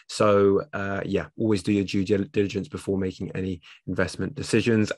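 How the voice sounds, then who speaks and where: A man talks through a crypto analysis in a chatty, self-deprecating way, filling pauses with ums. He sounds a little out of breath, and his voice sits fairly low. The recording is close and dry. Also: a little mellow, no room sound. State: slightly out of breath. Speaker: crypto channel host. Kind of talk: casual screen-share analysis.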